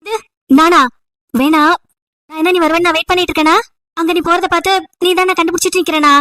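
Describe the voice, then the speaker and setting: A woman voicing an irritated, sharp-tongued young female college student in an amateur audio drama, scolding with sarcastic rhetorical questions. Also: extremely high pitch, little pitch movement, fast talker, dry recording. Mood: annoyed.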